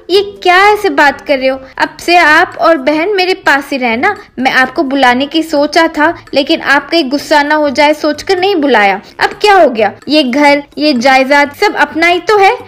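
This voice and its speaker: A woman's voice: sits high, lively intonation, a little slow, a bit bright. A woman voicing a kind, generous young man in a cartoon story, speaking earnestly.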